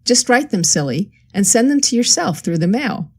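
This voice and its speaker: A woman's voice: mid-range voice, very animated, moderate pace, breathy edge, voice pushed up. A woman reading as a breezy, scheming young forger. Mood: confident. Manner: confident, breezy and a little superior.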